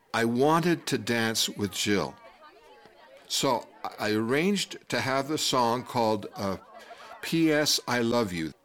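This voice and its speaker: An older man telling a personal story to an audience, animated, acting out quotes and laughing as he goes, with music playing under his voice. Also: mid-range voice.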